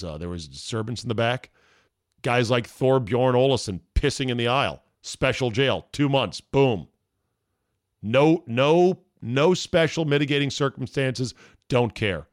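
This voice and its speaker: A man's voice: mid-range voice, dry recording, studio quality. An American man hosting a podcast, ranting casually with blunt, sarcastic, sweary opinions. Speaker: podcast host. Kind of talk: opinionated solo rant, casual.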